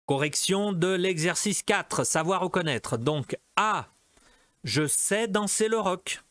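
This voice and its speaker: Brief: male French teacher, slightly high voice, very slow and patient, dry close recording. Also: expressive, fairly bright tone, no room sound. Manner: switches between French and Portuguese explanations. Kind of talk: recorded language lesson.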